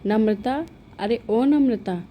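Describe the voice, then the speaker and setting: A woman voicing a strict, sharp-tongued middle-aged mother-in-law in a storybook tale, scolding and raising her voice. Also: a little high, slow pace, slight background noise. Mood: calling.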